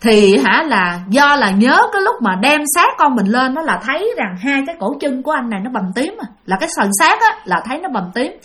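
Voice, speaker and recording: A woman's voice: high voice, very animated, fairly quick, few pauses, a bit bright. A woman telling a ghost story in a casual, chatty way and addressing listeners directly.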